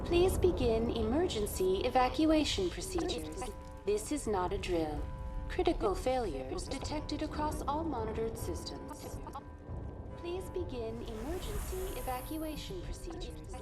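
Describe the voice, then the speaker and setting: A woman voicing a calm female station computer whose formal alarm warnings ring out over a station loudspeaker. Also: high voice, measured pace, music in the background. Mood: urgent warning. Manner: even, formal, announcing. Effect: station loudspeaker announcement. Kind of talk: video game voice acting.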